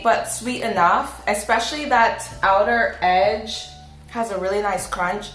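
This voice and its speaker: A woman's voice: fairly high pitch, fairly bright tone. Chatty woman vlogger in a roomy kitchen. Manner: chatty, enthusiastic, filler-heavy. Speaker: recipe vlogger. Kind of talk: casual taste-test vlog. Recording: roomy echo, faint music behind.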